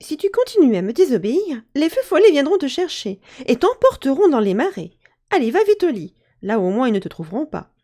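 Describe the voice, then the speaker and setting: A woman's voice: mid-range voice, animated, fast, dark tone. A woman voicing a stern mother scolding her disobedient son.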